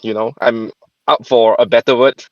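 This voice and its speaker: A man's voice: medium pitch, steady tone, normal speed, no room sound. Man, "you know" at every turn. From Malaysia. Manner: filler-heavy, lots of "you know". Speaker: podcast co-host. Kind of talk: casual podcast discussion. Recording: muffled lo-fi podcast audio.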